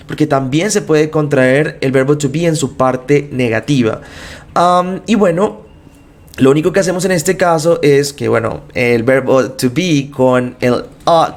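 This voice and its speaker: A man, explaining English grammar step by step and slowly drawing out each English example phrase. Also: a little high. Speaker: English teacher. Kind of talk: bilingual grammar lesson.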